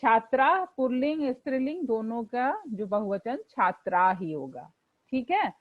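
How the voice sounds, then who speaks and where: Woman teacher, patient, slow classroom explainer, slightly high voice, lo-fi recording. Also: very animated. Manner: slow and patient, reciting word forms aloud for pupils to repeat. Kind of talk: classroom lesson explaining textbook exercises.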